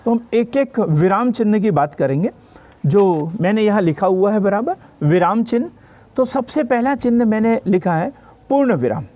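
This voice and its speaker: Man, grammar teacher, exam-prep lesson, mellow tone, patient, repeats definitions, checking questions. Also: high-pitched, expressive, normal speed, dry recording.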